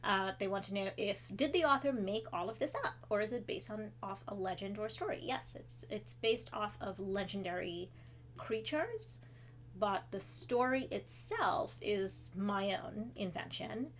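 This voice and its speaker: A children's author from Trinidad and Tobago answers kids' questions in a relaxed chat from her home office. Her medium-pitched voice is animated and measured in pace, with slight background noise. She's chatty, using fillers and warm, friendly asides to the kids.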